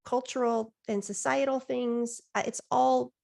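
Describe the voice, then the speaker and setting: Woman life coach, encouraging and reflective, a touch of vocal fry. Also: on the high side, steady tone, unhurried, a little mellow. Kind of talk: coaching session.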